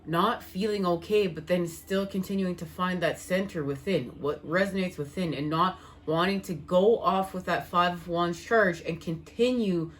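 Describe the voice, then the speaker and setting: A tarot reader gives a spiritual reading in a lowish voice that is worn and fading as she loses it. She speaks in slow, soothing, repetitive phrases.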